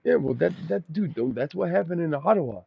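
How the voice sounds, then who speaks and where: A young man from Ontario with a gravelly, husky voice rambles through profane stories during a casual gaming chat. He keeps circling back with "so what happened was" as he talks into a phone mic. The voice chat sounds dull and lo-fi. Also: a little high, lively intonation, fairly quick. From Ontario, Canada. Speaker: gamer chatting with a friend.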